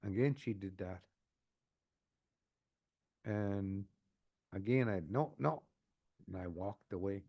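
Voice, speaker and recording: A man in his sixties telling his own life story, unscripted and emotional, often halting and repeating words as he restarts a phrase. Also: deep voice, fairly even intonation, mellow, no room sound, clean studio sound. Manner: emotional, earnest. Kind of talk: personal testimony, unscripted.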